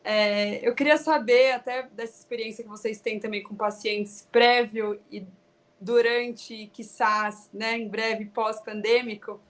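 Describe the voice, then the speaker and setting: Woman panelist, polite questioner, slightly high voice. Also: fairly even intonation, unhurried. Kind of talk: casual live webinar question.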